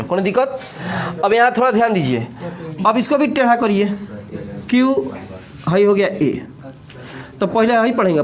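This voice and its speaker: A man teaching a physics class, explaining step by step and teasing his students with joking dialect asides. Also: high voice.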